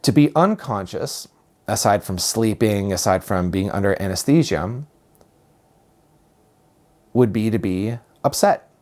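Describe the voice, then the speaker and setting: A man with a lowish voice gives a reflective spiritual talk in the manner of a teacher. He speaks calmly and without hurry, pausing often and repeating phrases for emphasis.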